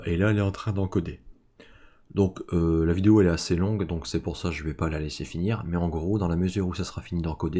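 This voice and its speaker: A man casually talking through a screen-recorded software tutorial, filling his talk with little fillers. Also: deep voice, breathy edge. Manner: casual, full of "donc" and "hein" fillers. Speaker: tech tutorial host.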